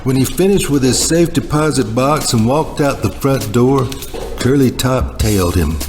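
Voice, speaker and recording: A man puts on a hardboiled noir hero narrating a parody radio drama. He is deadpan, terse and slangy, with a mid-pitched voice and prominent music underneath. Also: normal speed, lightly acted. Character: self-important hardboiled male private-eye type, slangy bank manager. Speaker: narrator and lead character.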